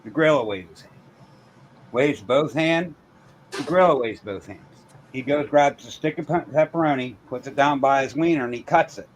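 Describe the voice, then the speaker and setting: A man telling a joke in relaxed chat, full of "you know" and stumbling restarts. His pitch is ordinary for a man. Faint background noise sits under the voice. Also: normal speed. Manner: rambling, filler-heavy storyteller.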